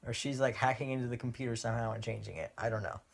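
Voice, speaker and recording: A man's voice: mid-range voice, steady tone, racing, creaky. A young man with a Californian accent and a nasal voice, chatting casually in a rambling way to his viewers. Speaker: vlogger. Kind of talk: casual chat.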